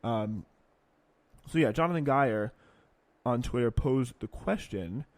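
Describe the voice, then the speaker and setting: A man's voice: medium pitch, slow, no room sound. A man hosting a podcast, reading news passages aloud and adding sardonic, sarcastic asides. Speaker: podcast host. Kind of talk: political commentary, reading and remarking.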